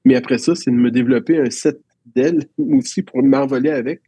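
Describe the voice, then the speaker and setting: A teacher with a Quebec French accent reflects on his own schooling in a casual interview, telling stories with frequent restarts. His medium-pitched voice is brisk, mellow and slightly rough, with no echo.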